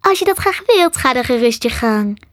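A woman's voice: high voice, animated, normal speed, no echo, studio quality. A woman voicing a hungry, sulky female dragon who growls and grumbles in a storybook reading.

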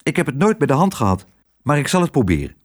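A man's voice: mid-range voice, big pitch swings, fast talker, voice pushed up. A man voicing a grumpy, bargaining male crow in a storybook reading, with a curt, cawing way of talking.

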